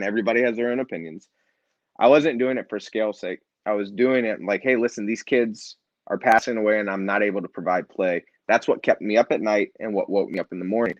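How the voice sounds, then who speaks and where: A man with a lowish voice is interviewed conversationally as a guest about his nonprofit and his book, earnest and reflective, often restarting his sentences. There's no echo, but the highs are cut off.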